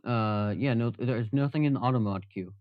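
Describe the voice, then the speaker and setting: A man's voice: medium pitch, moderate pace, no echo. A man live-streaming from his workbench, chatting casually and jokingly with many fillers while he works. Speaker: livestreamer. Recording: dull, slightly lo-fi stream audio.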